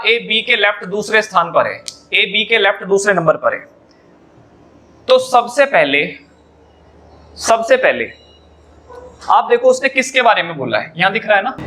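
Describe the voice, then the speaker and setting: A man's voice: high-pitched, pushed and bright. A man teaching a reasoning lesson at a whiteboard, explaining step by step, repeating key points and putting questions to his students.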